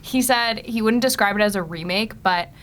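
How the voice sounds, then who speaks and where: A woman's voice: medium pitch, normal speed, background noise. A young adult woman co-hosting a casual podcast, laughing often and rambling through her points with fillers. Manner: giggly, rambling, lots of fillers. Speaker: podcast co-host.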